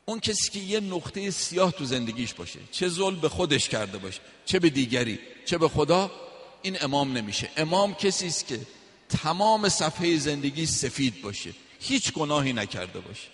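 A man's voice: on the high side, very animated, fairly bright tone, in a large hall. A man from Iran giving a sermon, telling stories in a conversational way and quoting verses. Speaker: preacher.

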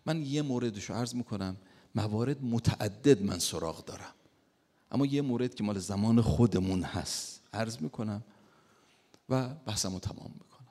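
Gravelly low-voiced man preaching in a reverberant hall. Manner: retells a story, acting out quoted lines with sudden loud bursts. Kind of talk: sermon storytelling.

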